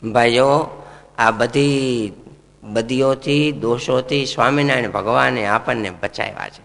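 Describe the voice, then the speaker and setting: A man, a swami, telling devotional stories in a sermon, acting out the dialogue and rising to loud declamation. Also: medium pitch, takes it slowly, creaky, long reverb tail, rough recording. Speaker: swami giving scripture discourse. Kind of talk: devotional katha storytelling sermon.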